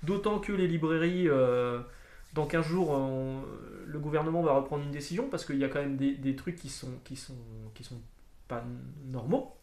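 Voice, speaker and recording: A man talks through a comic book review in a loose, rambling way, full of fillers and restarts. His voice sits a little high, and the room around him gives a clear echo. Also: moderate pace, a little mellow. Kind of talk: casual video review.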